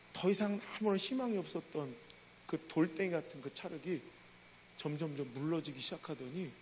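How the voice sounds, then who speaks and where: A middle-aged man preaching in a church, telling a story with animated, emotional delivery. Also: a little high, gravelly, a little hiss or hum, poor audio. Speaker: pastor. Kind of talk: sermon storytelling.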